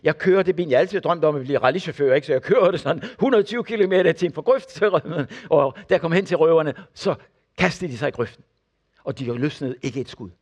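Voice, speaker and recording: An older man giving a sermon, his voice sitting a little high for a man. He tells testimony stories with energy and acts out what each person in them says. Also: highs cut off. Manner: animated storyteller acting out the people in his stories. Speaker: preacher and former missionary.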